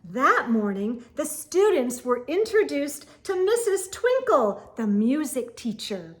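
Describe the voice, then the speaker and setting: A storytime host reads aloud to children in a high, very animated voice. She narrates slowly and dramatically, shaping each phrase with care for her young listeners.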